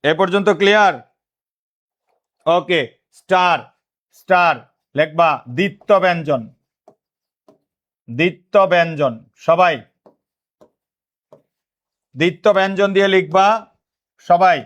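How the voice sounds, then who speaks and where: A man from Bangladesh teaching an online class, asking the students questions and answering them himself, dictating notes slowly and repeating phrases. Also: sits high, a bit bright, dull audio. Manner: repetitive call-and-response questioning.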